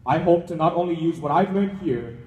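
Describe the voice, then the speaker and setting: A man's voice: on the high side, fairly quick, darkish tone, muffled recording. A young man with a Hawaiian accent giving a prepared, formal speech as a student. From Hawaii, United States. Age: young adult. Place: large indoor event hall. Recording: echoey hall with long reverb.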